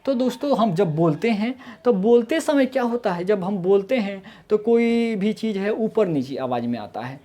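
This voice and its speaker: A man giving a grammar lesson, often asking rhetorical questions and answering them himself, and sounding out letters slowly to demonstrate. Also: high voice, expressive, mellow. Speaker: Hindi grammar teacher. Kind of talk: explanatory online lesson.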